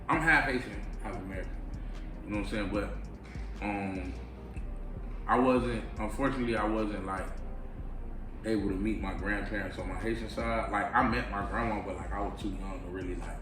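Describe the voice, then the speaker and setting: A rapper from Fort Lauderdale, Florida, chats loosely in a casual interview, using lots of slang and swearing. His voice is fairly low, and the recording is noisy and echoey, with the mic far off and music playing behind him.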